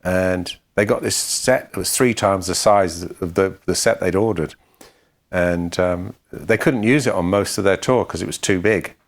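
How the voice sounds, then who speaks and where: A man's voice: sits low, a little slow. A man co-hosting a podcast, telling band anecdotes in a dry, matter-of-fact way. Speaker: podcast co-host and musician. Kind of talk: casual storytelling chat.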